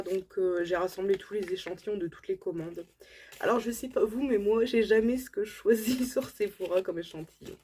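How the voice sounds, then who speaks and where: A woman's voice: mid-range voice, mellow, slight background noise. A woman with a French accent, casually chatting through a beauty haul to her viewers, enthusiastic and full of fillers. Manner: chatty, filler-heavy, enthusiastic about products. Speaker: beauty vlogger. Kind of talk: casual haul chat to camera.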